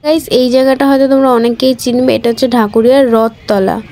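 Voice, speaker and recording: Mellow-voiced woman narrating her vlog. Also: high-pitched, fairly even intonation, fast. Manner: explains each step as she goes. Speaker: vlogger.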